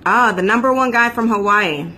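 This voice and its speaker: Bright-voiced woman hosting a live interview. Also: on the high side, normal speed, a little hiss or hum. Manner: chatty, upbeat, with filler ums. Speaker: host. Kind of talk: casual interview on a live stream.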